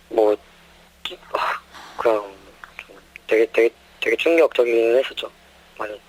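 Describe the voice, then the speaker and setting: A nineteen-year-old man answering in a news interview, his voice disguised with a deep pitch shift, speaking haltingly. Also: rough recording. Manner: halting, hesitant, short answers. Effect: voice disguised, pitch shifted deeper.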